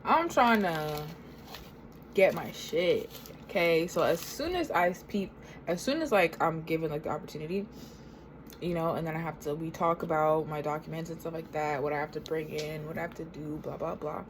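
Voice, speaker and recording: A woman's voice: low voice, normal speed, a little hiss or hum, low-quality recording. An American woman in her twenties telling a casual, rambling, sweary complaint while eating, talking with her mouth full. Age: 20s. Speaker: vlogger.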